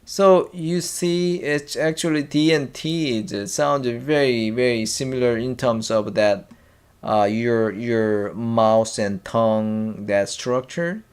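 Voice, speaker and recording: A man teaching a language lesson, halting with many fillers and restarts, and sounding out syllables one by one. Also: medium pitch, fairly even intonation, clean tone.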